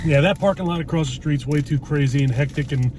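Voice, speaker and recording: Higher-pitched man in noisy car. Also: fast talker, a little mellow. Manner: blunt, mildly profane, rambling. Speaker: food vlog host. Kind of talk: casual chat. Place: inside a parked car in a driveway. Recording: noisy car interior with road hum.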